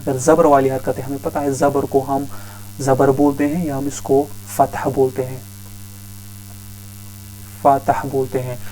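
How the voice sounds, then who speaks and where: A man's voice: mid-range voice, flat delivery, measured pace, pauses often, mellow, soft background music, low-quality recording. A man teaching a grammar lesson, patiently repeating each term several times. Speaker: Arabic teacher.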